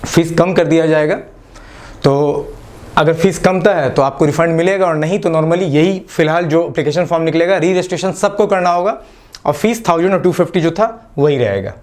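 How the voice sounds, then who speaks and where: Man with a Jharkhand Hindi accent, fairly high voice, casual motivational exam-coach delivery with English phrases mixed in. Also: normal speed, a little mellow. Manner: casual, repeats "ठीक है" as a filler. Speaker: exam coaching channel host. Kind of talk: exam-prep talk to the camera.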